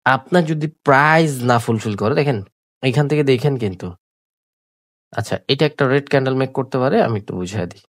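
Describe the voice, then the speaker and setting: A sick, coughing man, talking slowly through live trades on screen and repeating his points, mixing in English words. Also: mid-range voice, dry recording. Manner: slow, repetitive explaining with English words mixed in. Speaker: trading tutor. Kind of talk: live trading screen commentary.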